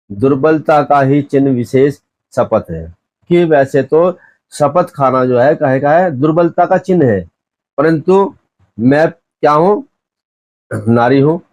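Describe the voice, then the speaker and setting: A male teacher who reads lines of verse slowly, then paraphrases them and asks the class questions about figures of speech. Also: mid-range voice, darkish tone, dry recording. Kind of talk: line-by-line explanation of a Hindi poem for exam students.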